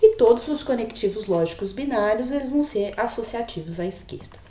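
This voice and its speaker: A woman's voice: a little high, lively intonation, brisk, mellow, roomy sound. A woman giving a logic lecture, patiently explaining and often checking in with her students. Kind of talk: recorded online lecture.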